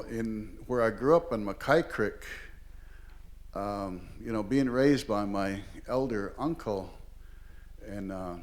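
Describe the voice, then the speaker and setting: A man in his sixties from Oregon, a language teacher, telling a humorous story live on stage with lots of fillers. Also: on the low side. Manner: rambling and humorous, heavy with fillers. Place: performing arts hall, live event.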